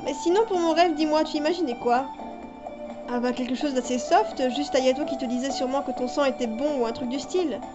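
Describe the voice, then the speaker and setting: A woman voicing a cheeky, excitable teenage girl, in a dull lo-fi recording with music behind. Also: high-pitched, brisk, close to an everyday voice. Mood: teasing. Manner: teasing, excitable. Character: cheeky teenage sister, boy-crazy.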